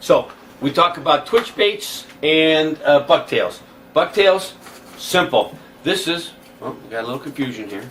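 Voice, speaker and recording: A man's voice: on the high side, lively intonation, unhurried, a bit bright. A man hosting a fishing show, chatting casually and explaining step by step while he shows lures. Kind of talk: casual chat. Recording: picked up from a distance, faint background noise.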